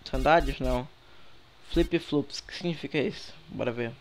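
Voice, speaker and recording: A young man with a Brazilian Portuguese accent talks through a game in a loose, slangy way. He chats with his viewers as he plays, speaking into a headset microphone at a middle pitch. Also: moderate pace. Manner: relaxed, slangy, chatty with viewers. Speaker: gaming youtuber. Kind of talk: casual gameplay commentary.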